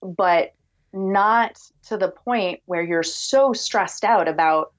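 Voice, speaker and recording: A woman's voice: mid-range voice, takes it slowly, dull audio. A woman podcast producer with a soothing voice, talking reflectively in long winding thoughts as an interview guest. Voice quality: soothing, relaxed voice. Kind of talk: casual conversational interview.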